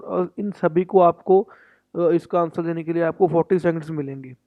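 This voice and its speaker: A man's voice: fairly high pitch, no echo. Man teaching over a tinny line. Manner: mixes Hindi with slow, deliberate English sentences. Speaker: English test coach. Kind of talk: explanatory tutorial lesson. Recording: tinny phone-like sound, dry.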